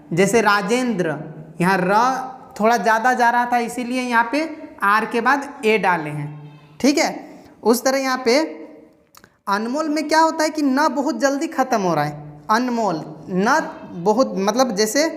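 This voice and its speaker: A woman's voice: fairly high pitch, big-room sound. A woman teaching a spelling lesson, explaining step by step, answering her own questions and checking in with a repeated "okay". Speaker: English teacher.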